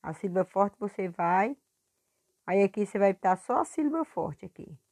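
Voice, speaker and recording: A woman teacher recording a lesson review for her pupils, patient and clear, stretching words out to stress syllables. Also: mid-range voice, lively intonation, moderate pace, a little mellow.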